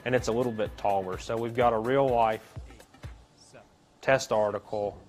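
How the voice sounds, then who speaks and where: A man speaking as a test engineer in a documentary interview clip, explaining earnestly with some halting. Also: lowish voice, fairly even intonation, darkish tone. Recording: video clip played in the room with music. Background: music.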